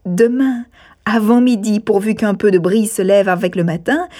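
A woman reading aloud, voicing a calm young gentleman who lays out a plan in a reassuring, matter-of-fact way. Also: medium pitch, moderate pace, natural voice.

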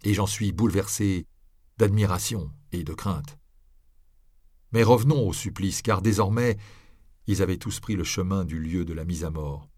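A man with a low voice narrates an audiobook in a measured, even way. The sound is close and dry, with no room around it. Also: no echo.

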